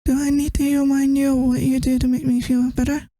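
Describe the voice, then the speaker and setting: A woman's voice: high voice, flat delivery, brisk, no room sound, lightly acted. A woman playing a tired, affectionate girlfriend who misses her partner, in a tender, intimate ASMR role-play. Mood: tender, longing. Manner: tender, intimate, soft-spoken.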